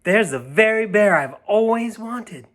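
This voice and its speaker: A man's voice: high-pitched, lively intonation, unhurried, fairly bright tone, pitched above the performer's own voice. A man voicing an eager, pleading little girl in a storybook reading. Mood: excited, pleading.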